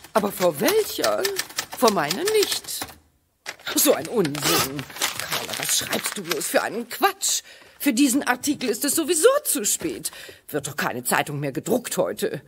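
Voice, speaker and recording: Karla Kolumna, high-pitched husky scatterbrained reporter. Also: female voice, full character voice. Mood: sulky, sentimental.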